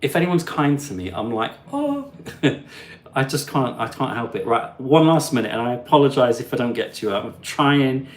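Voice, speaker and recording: A man hosting a live stream, chatting and reading out viewer comments in a warm, self-deprecating way. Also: mid-range voice, moderate pace, echoey room. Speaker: host. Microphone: phone.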